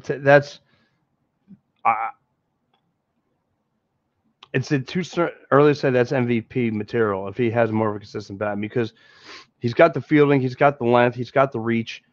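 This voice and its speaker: A podcast host in his thirties, Philadelphia-accented, talks in a steady, medium-pitched voice at a measured pace with long pauses. He rambles through a casual postgame sports show with frequent repeats and restarts. A headset mic in a small green-screen room yields dull, lo-fi, dry audio with no echo.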